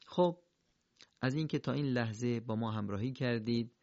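A man teaching Quran recitation in a recorded lesson, explaining the rules step by step and modeling each pronunciation slowly. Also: medium pitch, darkish tone, no echo. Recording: dull lo-fi recording.

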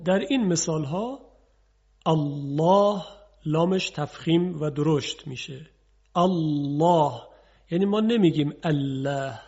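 Husky male tajweed teacher. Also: on the high side, lively intonation, darkish tone, highs cut off. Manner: patient, explains then drawls examples slowly. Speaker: Quran recitation teacher. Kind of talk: televised tajweed lesson.

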